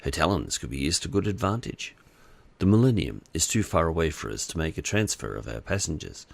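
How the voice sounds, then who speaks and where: A man narrating an audiobook with expressive storytelling. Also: deep voice, fairly quick, creaky, no room sound.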